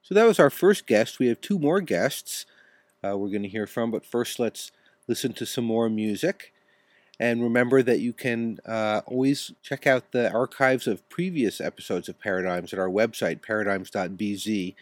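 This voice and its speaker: A man's voice: on the low side, normal speed, no room sound. Guy hosting a radio show, friendly, dry close sound. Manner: friendly, introducing guests and music.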